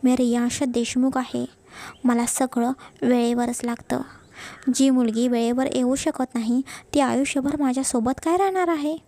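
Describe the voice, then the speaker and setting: Woman reading a haughty young businessman, high and gravelly, impatient. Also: fairly even intonation, moderate pace, mellow. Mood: annoyed. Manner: haughty, irritated. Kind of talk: storybook narration.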